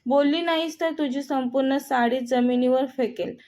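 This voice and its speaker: A woman's voice: sits high, steady tone, moderate pace, a little mellow, close to an everyday voice. A woman reading a story aloud, voicing a cruel, threatening male gang boss in a mocking manner. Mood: menacing.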